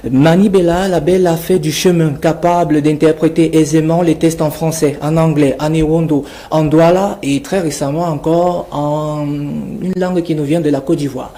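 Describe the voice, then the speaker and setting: A radio columnist with a Cameroonian accent reads a scripted portrait of a guest in a theatrical, declamatory manner. His voice is fairly high with a dark tone.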